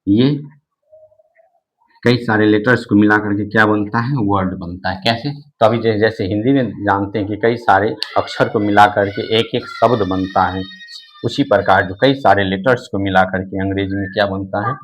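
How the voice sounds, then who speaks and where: A man's voice: fairly low pitch, normal speed, low-quality recording. A man teaching an English lesson, who keeps asking questions and answering them himself, with many repeats and restarts. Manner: repeats himself and restarts often, fillers like "nahin". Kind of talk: classroom-style lesson explaining English in Hindi.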